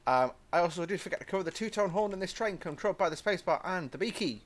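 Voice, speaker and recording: His voice sits high, and he's an animated, fast talker. The young British channel host gives casual train-game let's-play commentary, rambling and chatty, with apologetic asides.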